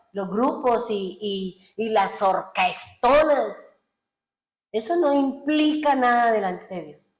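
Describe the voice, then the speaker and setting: A woman's voice: a little high, echoey room, poor audio. A woman pastor, preaching a sermon in an earnest, exhorting way.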